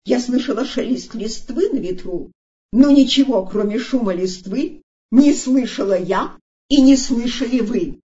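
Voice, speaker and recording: A woman's voice: fairly high pitch, a little slow, warm tone, slightly rough. Storybook: female reader as a bossy, scolding mother kangaroo, dismissive, muffled sound. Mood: scornful. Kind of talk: storybook reading.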